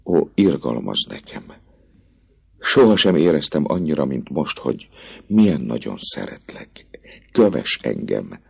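A tormented, obsessive priest pleading feverishly in an audiobook, as a man plays him. The voice is very deep and gravelly, with a husky grain. Lively swings in pitch carry his desperation. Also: exaggerated voice. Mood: desperate. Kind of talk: audiobook reading.

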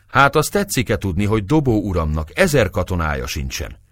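A man voicing a blunt, big-jawed common soldier who talks in a slow rustic drawl and keeps asking mocking questions. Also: lowish voice, sing-song, a bit bright, no echo, studio quality. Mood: drawling, taunting.

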